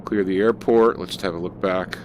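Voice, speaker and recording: A flight sim streamer casually talks through a flight simulator session, thinking aloud with fillers as he flies. His low voice is a little mellow, with fairly even intonation at normal speed, and there's a little hiss or hum.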